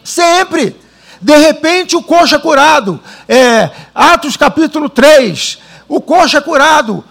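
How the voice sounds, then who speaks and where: A man from Brazil preaching a sermon, telling his own story with dramatic pauses and animated delivery. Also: very high-pitched, creaky. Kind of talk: sermon with personal testimony.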